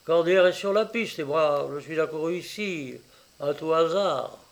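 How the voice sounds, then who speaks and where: A man's voice: fairly high pitch, a little slow. A man reading a storybook aloud, voicing an earnest police inspector who explains an alarming situation politely, with small hesitations.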